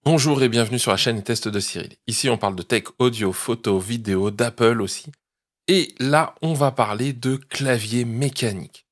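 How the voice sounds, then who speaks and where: A man's voice: medium pitch, normal speed. A man hosting a tech channel, chatting casually through a product review and explaining each step, often checking in with his viewers.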